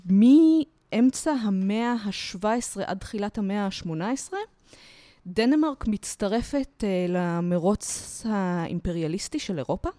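A woman talking as a guest lecturer in a podcast interview, explaining in a lively, talkative way from memory. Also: mid-range voice, no echo. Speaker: guest lecturer on culture history.

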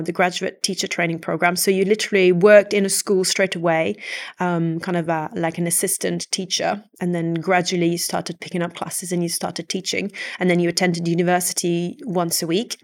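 This Quebec woman, a native French speaker with a low voice, co-hosts a podcast and lectures in psychology. In conversation on the show, her storytelling is thoughtful and measured, broken up by frequent hesitations.

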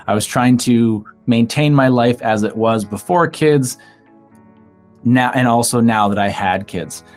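A man at a middle pitch co-hosts a podcast, talking in an earnest, heartfelt way. He sounds reflective and sincere. Faint music plays underneath. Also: a little slow. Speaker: podcast co-host. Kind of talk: earnest podcast intro talk.

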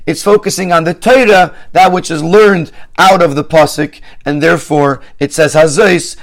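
A man teaching a Torah commentary lesson, laying out numbered questions methodically and often restarting his phrases as he works through the text. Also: a little high.

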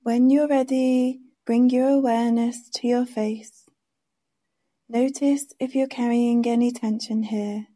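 Female meditation guide: soft, very warm and dark timbre, drawn-out calm delivery. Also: a little high. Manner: gentle, soothing, unhurried instructions.

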